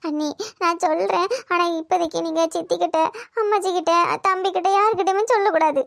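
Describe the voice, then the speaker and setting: Woman doing a very high-pitched, tearful young woman, pleading, Tirunelveli Tamil accent, cartoon voice, dry close sound. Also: steady tone, fast talker, gravelly, no room sound. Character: tearful frightened young unmarried woman in love. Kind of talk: cartoon voice acting.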